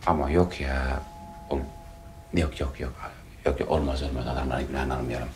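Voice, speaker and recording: An actor rehearsing a puzzled, mild middle-aged man who mutters and tries to calm a family quarrel. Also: very deep voice, normal speed. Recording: distant roomy on-set sound with noise.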